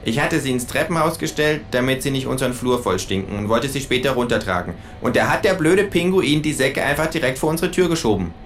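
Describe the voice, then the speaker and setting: Man doing a smug, deadpan kangaroo. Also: medium pitch, fast talker, few pauses, voice pushed up, lightly acted. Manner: dry, deadpan, smug retorts. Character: cheeky freeloading male kangaroo flatmate, smug and stubborn. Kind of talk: comic radio story.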